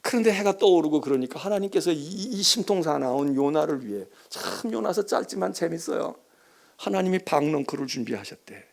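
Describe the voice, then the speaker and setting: A man who is a senior pastor preaching a sermon in a church, animated, conversational and emphatic. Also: a little high, fairly quick, gravelly.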